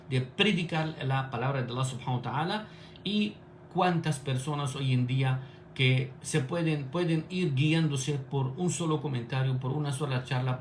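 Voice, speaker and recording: Man, Islamic sermon, earnest, repetitive lists, mid-pitched voice, roomy echo, faint hiss. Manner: earnest, repetitive lists, recites Arabic quotations quickly. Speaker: Islamic preacher.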